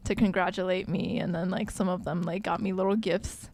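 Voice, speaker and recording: A woman's voice: lowish voice, fairly even intonation, brisk, darkish tone, no echo. A young adult woman co-hosting a podcast, chatting casually with lots of "like" fillers and acted-out quotes. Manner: chatty, full of "like" fillers, acts out quoted speech. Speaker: podcast co-host. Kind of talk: casual chat.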